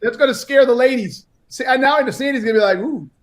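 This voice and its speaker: A man's voice: very high-pitched, fast talker. A man hosting a talk show, interviewing in a casual, joking way. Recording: noticeable noise and clicks.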